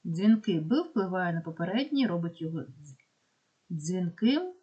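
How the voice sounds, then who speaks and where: A woman teacher with a Ukrainian accent and a lowish voice explains sound rules step by step. She slows down on each example word and says it carefully. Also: lively intonation, warm tone, dull audio. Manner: slow, careful dictation of examples. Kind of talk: explaining phonetics lesson.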